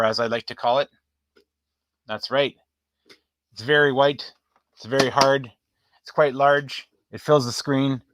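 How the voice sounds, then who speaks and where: A man with a mid-range, fairly bright voice hosts a casual vlog, showing off his collectibles to the camera. His chat is upbeat and playful.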